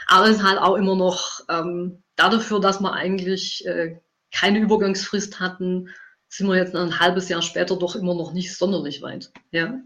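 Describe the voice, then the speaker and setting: A man with a notably high voice walks through slides, stopping often with fillers as he explains. The audio is dull and lo-fi. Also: creaky, bright, forceful tone. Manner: hesitant, filler-heavy explaining. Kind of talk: presentation with shared slides.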